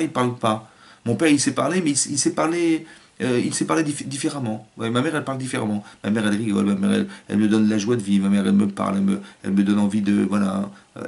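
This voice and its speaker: A man, a rabbi, giving a Torah lecture in an animated way, acting out family voices and restarting his phrases often. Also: on the low side, gravelly.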